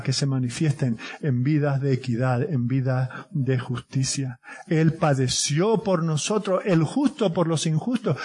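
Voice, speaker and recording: Male pastor, slightly high voice, emphatic sermon delivery. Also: a little mellow, husky. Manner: emphatic, rises in pitch for stress.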